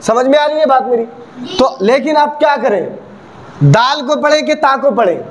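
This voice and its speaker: A man with a strikingly high voice teaches Quran reading in a video lesson, with faint noise behind him. He asks a question, answers it himself, then repeats the point. He slows down to spell out the letter sounds. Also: expressive.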